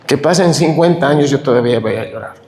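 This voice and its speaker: A middle-aged man preaching a tearful, animated testimony sermon in a church hall. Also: medium pitch, fast, a little hiss or hum. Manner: emotional, tearful, animated storytelling. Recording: echoey hall reverb.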